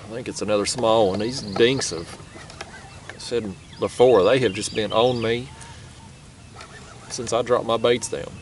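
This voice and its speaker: A man's voice: fairly low pitch, steady tone, unhurried, pauses often. A young man, talking casually to camera from a kayak on a foggy river, easygoing and chatty. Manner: easygoing, chatty, drawls "y'all" and "ain't". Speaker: fishing vlogger. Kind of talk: casual talk to camera while fishing. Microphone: action camera mounted on the kayak. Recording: faint outdoor river noise.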